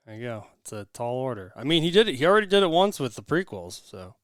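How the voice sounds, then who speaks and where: A man's voice: medium pitch, very animated, quick pace, fairly bright tone, no echo, studio quality. A man hosting a casual podcast, laughing often and talking loosely with restarts. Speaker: podcast host.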